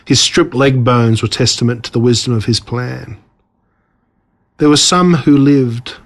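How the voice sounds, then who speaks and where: With an Australian accent and a mid-range voice, a man reads his own story aloud as scripted narration. His delivery is measured and dramatic.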